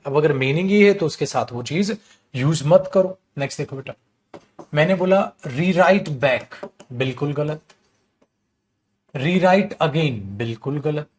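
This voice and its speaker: A man with a slightly high, darkish voice teaches English usage online in Hindi. He explains patiently, addresses his students fondly, and repeats wrong phrases with mock emphasis to correct them.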